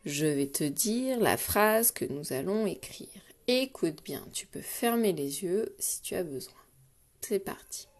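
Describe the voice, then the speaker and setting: A woman teacher leading a daily dictation lesson for young children, patient and clear, repeating each syllable and word slowly. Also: on the low side, expressive. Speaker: primary school teacher.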